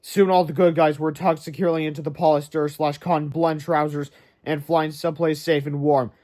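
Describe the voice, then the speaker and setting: A man with a rather high, darkish voice reads a children's chapter book aloud at a brisk pace and in a level tone. He adds asides as narrator and occasionally stumbles over words. The amateur recording is very noisy.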